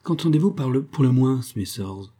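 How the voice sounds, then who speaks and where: A man's voice: mid-range voice, brisk, warm tone, voice pushed up, close to an everyday voice. A man reading aloud who voices a stern, pompous middle-aged schoolmaster, questioning imperiously and impatiently.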